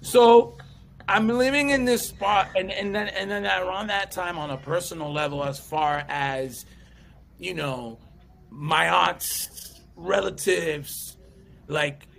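Here the voice is high-pitched, slow and gravelly. It belongs to a man in his thirties from the United States, a comedian and actor who is a guest in a casual interview, telling stories animatedly and often doing voices and quotes.

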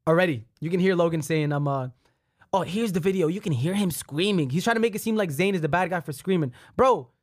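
A man hosting a casual podcast, animated and slangy, swearing freely and repeating phrases for emphasis. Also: high voice, fast talker, no room sound. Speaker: podcast host.

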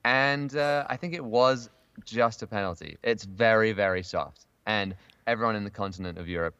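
Hoarse, low-voiced Englishman. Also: normal speed, a bit bright, no echo. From England. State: hoarse, voice worn out. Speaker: podcast guest. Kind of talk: casual chat. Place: closet. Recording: dull lo-fi remote recording.

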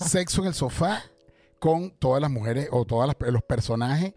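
A man's voice: mid-range voice, lively intonation, moderate pace, darkish tone, dry recording, soft background music. Joking man hosting a sex-talk show. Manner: jokey, teasing, laughs often. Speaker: show host.

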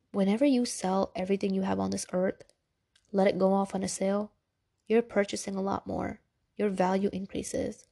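A congested young woman hosts a podcast, offering casual, direct motivational talk in a soothing voice and calling her listeners "girl" and "y'all." Her mid-range voice is gravelly and dark, and her manner is chatty.

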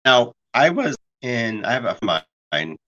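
A man's voice: medium pitch, normal speed. Rambling man hosting a chat, lo-fi sound. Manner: rambling, lively storytelling with restarts. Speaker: podcast host. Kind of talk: casual conversation. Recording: dull lo-fi sound.

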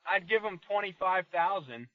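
A man's voice: sits high, lively intonation, moderate pace, no echo. A man, a race car driver guest, chatting casually on a podcast, rambling with lots of fillers and laughs. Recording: muffled lo-fi podcast audio.

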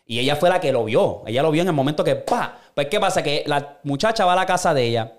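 A man's voice: on the high side, fast talker. A man, co-hosting a podcast, telling a story in casual chat and acting out the quoted voices. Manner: animated storyteller, acts out quoted voices, swears a lot. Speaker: podcast co-host.

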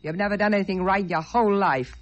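A woman's voice: mid-range voice, fast, natural voice. An actress playing a bitter, scornful woman fed up with her man in a 1940s radio drama, sarcastic and cutting. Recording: dull lo-fi old radio recording.

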